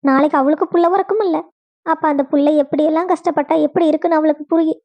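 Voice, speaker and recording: A woman playing a shrill wailing mother-in-law. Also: steady tone, quick pace, mellow, lightly acted. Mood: bitter. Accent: Kongu Tamil. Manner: wailing and scolding. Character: grieving older mother-in-law, bitter and cursing. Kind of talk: family drama acting.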